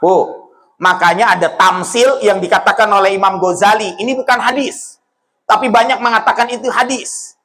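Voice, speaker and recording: A man preaching a sermon, animated and often shouting, joking with his audience and quoting Arabic phrases. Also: high-pitched, moderate pace, slight background noise, rough recording.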